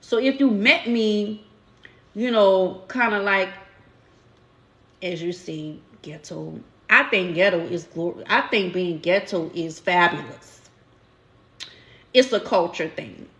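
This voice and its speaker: A woman's voice: medium pitch, takes it slowly, pauses often, a bit bright, roomy sound. Candid New Orleans woman chatting live. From New Orleans, USA. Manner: candid, storytelling, slangy everyday speech. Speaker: channel host. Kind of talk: casual live-stream chat.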